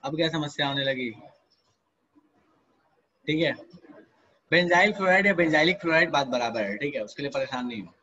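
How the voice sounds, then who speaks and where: A man's voice: a little high, brisk, pauses often, bright, forceful tone, breathy edge, muffled recording. A man teaching chemistry in a live online class, coaxing students with repeated checks, mixing English terms into Hindi, and answering questions from students by name. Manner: coaxing, repeats "ठीक है" and "ध्यान दो", asks and answers own questions.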